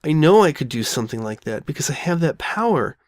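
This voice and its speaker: In an all-dialogue fan audio drama, a woman voices a frightened, guilt-ridden young female pony who stammers and doubts herself, sounding anguished, halting, and anxious. Her voice is deep and sing-song with a darkish tone. There's no room sound.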